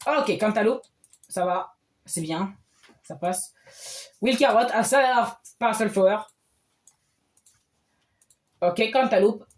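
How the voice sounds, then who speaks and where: A man giving casual gameplay commentary as a streamer, excitable and often bursting into loud cheers. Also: high voice, takes it slowly, long pauses. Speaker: game streamer.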